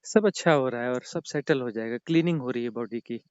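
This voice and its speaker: A man acting as a spiritual teacher, counselling a caller in a calm, reassuring way and repeating short phrases. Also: medium pitch, fairly quick, clean tone, dry recording, muffled recording.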